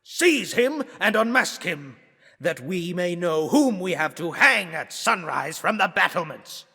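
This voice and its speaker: A man voicing an enraged, haughty prince in a gothic storybook reading, hoarse and imperious. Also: high voice, big pitch swings, a little slow, bright, forceful tone, pitched above the performer's own voice, heavily acted. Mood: outraged, commanding. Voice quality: hoarse, raspy. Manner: imperious, theatrical outcry. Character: enraged bold, robust prince, haughty and commanding. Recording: long hall-like reverb.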